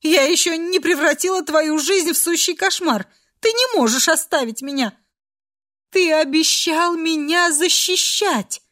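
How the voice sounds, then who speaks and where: A woman's voice: very high voice, unhurried, fairly bright tone, pitched above the performer's own voice. A woman voicing a desperate, fierce young heroine who pleads and cries out. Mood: desperate pleading. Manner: pleading, crying out.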